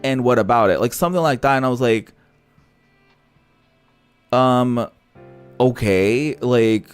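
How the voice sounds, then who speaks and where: A man with a medium-pitched, smooth voice speaks unhurriedly, with no room sound. He's a native Portuguese speaker and a gaming content creator streaming a visual novel, offering sassy, opinionated casual commentary and swearing freely over background music.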